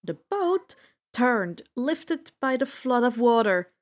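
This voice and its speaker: Taking her time, a woman with a high voice performs first-person adventure fan fiction like an audiobook. She reads deliberately and dramatically, with plenty of expression.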